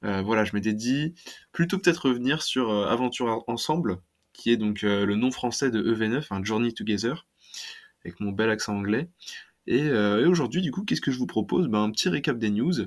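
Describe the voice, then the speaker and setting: A man's voice: mid-range voice, a little fast. A man talking casually about trading cards for his channel, hesitant and full of fillers. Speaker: card collecting YouTuber. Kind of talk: casual video talk.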